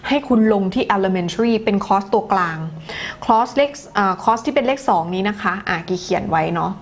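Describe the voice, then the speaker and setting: A woman's voice: medium pitch, lively intonation, a little fast, slight background noise. A woman teacher with a Thai accent reads viewer comments during a live English lesson, chatty and laughing, moving between two languages.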